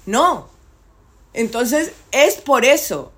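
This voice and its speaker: A woman's voice: a little high, big pitch swings, drawn-out words, fairly bright tone. A woman talking insistently in a casual debate, repeating herself to drive points home.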